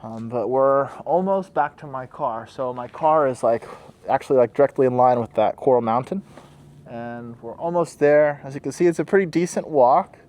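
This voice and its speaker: A man's voice: mid-range voice, normal speed, darkish tone. A man narrating a casual outdoor vlog while riding a scooter through a park. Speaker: vlogger. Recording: noisy outdoor recording, vehicle and ambience.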